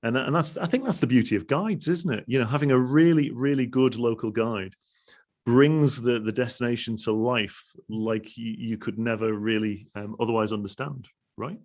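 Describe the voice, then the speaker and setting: A man's voice: medium pitch, darkish tone. A man hosting a podcast interview, talking casually with many restarts. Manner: halting, many restarts and "you know". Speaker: podcast host.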